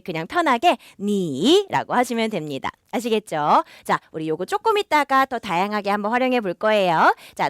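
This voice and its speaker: A woman's voice: a little high, dry recording, studio quality. A woman teaching a language lesson, talking straight to learners and drawing out the practice words. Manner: lively, coaxing, addresses learners directly, models pronunciation drawn out.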